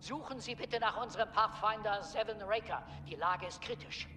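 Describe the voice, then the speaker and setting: Game starship captain, urgent formal distress call over a comm, reverby, noisy playback. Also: male voice, high voice, normal speed. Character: male ship captain sending a distress call. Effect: recorded distress message over a ship's comm. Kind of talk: video game voice acting. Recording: distant, echoey comm playback with noise.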